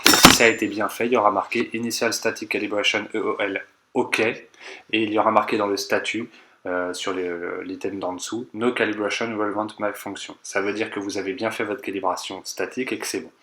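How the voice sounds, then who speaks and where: Bright-voiced man explaining car steps. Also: fairly low pitch. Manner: patient, repeats steps, hedges his own interpretation. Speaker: car tech tutorial maker. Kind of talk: step-by-step voice-over tutorial.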